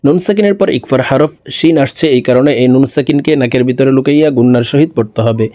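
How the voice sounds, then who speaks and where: A man teaching Quran recitation, spelling out each verse letter by letter, then chanting the words slowly and melodically between brisk explanations. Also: medium pitch, warm tone, no room sound.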